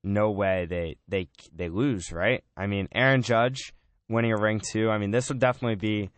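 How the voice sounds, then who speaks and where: A man hosting a casual sports talk show on college radio, chatty and relaxed, often saying "man" and "I mean". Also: lowish voice, no room sound.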